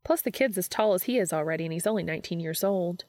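A woman reading a fan story aloud in a steady storytelling narration. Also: fairly low pitch, fast, no room sound. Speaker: fanfiction reader.

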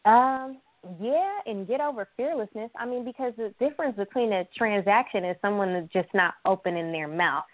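A woman from San Francisco, a guest entrepreneur, talking in a lively, chatty way and laughing often. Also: medium pitch, normal speed, few pauses, dry recording. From San Francisco, USA. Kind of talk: casual interview chat. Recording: thin phone-line sound, dry.

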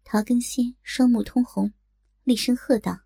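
A woman narrates a martial-arts audiobook at an even, storytelling pace. Her voice sits a little high but sounds warm, gravelly and husky. The recording is dry and close. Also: a little slow, no room sound. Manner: steady, storytelling delivery.

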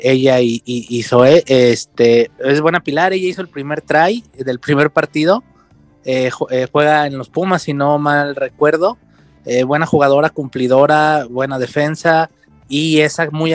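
A man's voice: medium pitch, no echo. A man, a podcast guest talking casually and hesitantly, full of fillers. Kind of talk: casual interview chat.

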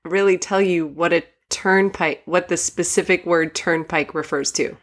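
Hesitant, low-voiced woman co-host. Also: steady tone, normal speed. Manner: hesitant, asks clarifying questions. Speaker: podcast co-host. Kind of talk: casual chat.

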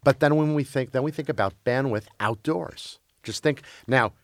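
A man's voice: medium pitch, moderate pace, dry recording. A man who grew up in Belgium, talking casually about film and streaming, with many restarts and fillers.

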